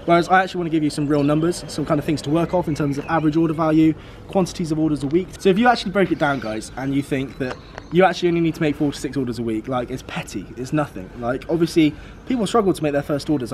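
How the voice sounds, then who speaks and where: Fast-talking young British man outdoors. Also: a little high, darkish tone, a little hiss or hum. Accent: British English. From United Kingdom. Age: 20s. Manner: upbeat, fast, repeats key numbers. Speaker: vlogger. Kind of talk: casual motivational vlog. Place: outdoors beside a car.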